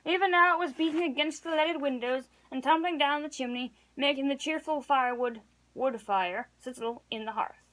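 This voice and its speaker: A woman's voice: sits high, moderate pace, fairly bright tone, poor audio. A woman reading a classic novel aloud, now and then stumbling and correcting words. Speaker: reader.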